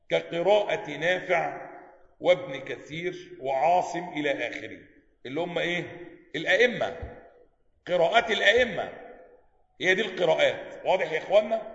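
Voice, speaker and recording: Egyptian sheikh lecturing in an echoey hall. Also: male voice, on the high side, creaky, a bit bright. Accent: Egyptian Arabic. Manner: reads a passage then explains it, often checks students follow. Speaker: sheikh teaching Quranic sciences. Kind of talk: classroom lecture explaining a text. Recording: echoey hall, slightly dull sound.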